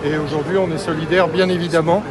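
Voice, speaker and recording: A man's voice: fairly high pitch, steady tone, quick pace, a loud crowd. A man giving a serious, formal street interview as president of an association. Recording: noisy outdoor street.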